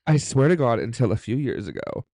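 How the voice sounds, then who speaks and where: A young woman from Canada co-hosting a casual podcast chat, talking in an animated way that is peppered with swearing. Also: a bass voice, a little fast, no room sound. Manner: animated, swearing, jumps into voices. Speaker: podcast co-host.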